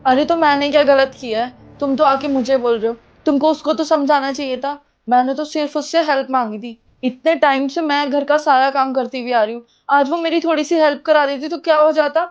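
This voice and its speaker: A woman's voice: sits high, steady tone, fairly quick, hardly any pauses, highs cut off, natural voice. A woman acting an indignant elder sister-in-law. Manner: complaining, indignant. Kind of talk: amateur family drama acting.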